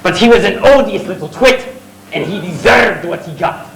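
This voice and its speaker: An actor playing a scornful, haughty young gentleman in stage melodrama, with deliberate declamation. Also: high-pitched, lively intonation, creaky. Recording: echoey live theatre with audience.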